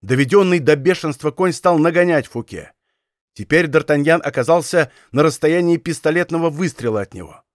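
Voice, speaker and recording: A male narrator reads an adventure novel in a measured, dramatic way, building the tension of a chase. His voice sits a little high for a man. It is recorded close and dry in a studio, with no room sound. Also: animated, dry recording. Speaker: audiobook narrator. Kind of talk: scripted narration.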